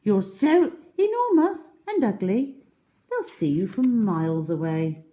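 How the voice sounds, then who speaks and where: A woman's voice: medium pitch, big pitch swings, slow pace, warm tone, voice pushed up. A woman voicing a smaller, disapproving crocodile in a storybook, blunt, indignant and emphatic. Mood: scornful. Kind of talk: storybook character reading.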